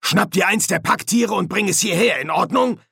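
A man's voice: sits high, moderate pace, gravelly, bright, forceful tone, slightly rough, dry recording, clean studio sound, voice pushed up, full character voice. A man voicing a bumbling, portly middle-aged army sergeant in an audiobook, with a raised, blustering voice. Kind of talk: audiobook character voice.

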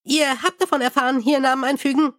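A tiny, proud goblin clerk speaks in a squeaky, very high voice. He rattles off figures quickly and formally, like a pedantic bookkeeper in a storybook. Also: fairly even intonation, a bit bright, no echo, clean studio sound. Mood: eager. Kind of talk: audiobook character voice.

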